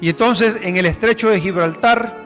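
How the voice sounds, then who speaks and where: High-voiced man preaching in a reverberant hall. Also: normal speed, fairly bright tone, soft background music. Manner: storytelling, conversational with rhetorical questions to the congregation. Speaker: pastor. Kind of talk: sermon.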